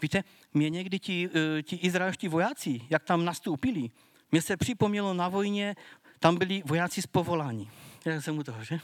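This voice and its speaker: Man, high voice, earnest conversational sermon, dry close sound. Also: expressive, no room sound. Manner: earnest, conversational preaching with restarts. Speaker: preacher.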